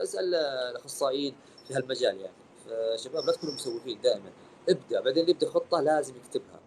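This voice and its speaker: A man's voice: medium pitch, a little hiss or hum. A young man with a Saudi accent hosting a casual live stream, mixing Arabic and English. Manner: fast, animated, mixes Arabic and English.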